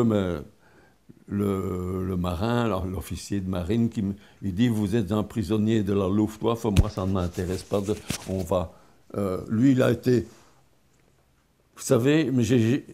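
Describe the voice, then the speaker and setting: An older man from Belgium, recounting his memories in an interview in a halting way, often restarting and repeating words. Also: lowish voice, gravelly, dark tone. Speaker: interviewee, former wartime pilot.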